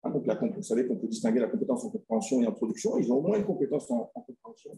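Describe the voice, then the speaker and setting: A man's voice: medium pitch, sing-song, rapid-fire, dark tone, reverberant, low-quality recording. A man giving an academic conference talk, explaining patiently and often adding little fillers like "hein" and "voilà". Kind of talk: academic presentation.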